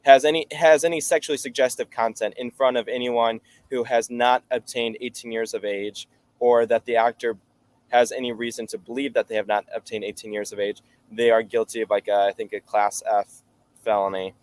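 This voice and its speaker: A man's voice: mid-range voice, level tone, fairly quick. A man of nineteen, a talk show guest, earnestly explaining at length in casual answers. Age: late teens.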